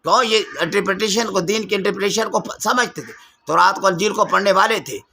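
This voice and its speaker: A man's voice: high-pitched, vocal fry, pushed and bright, slight background noise. A man from Pakistan teaching Quran commentary, explaining Arabic pronunciation, reciting verses and dropping English words into his talk. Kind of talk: Quran commentary lesson ending in prayer.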